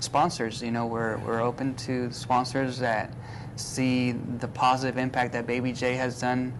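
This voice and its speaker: A man's voice: mid-range voice, completely flat delivery, measured pace. A man speaking as a manager in a conversational interview, with a businesslike, promotional manner. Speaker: guest, music manager. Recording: clear background noise.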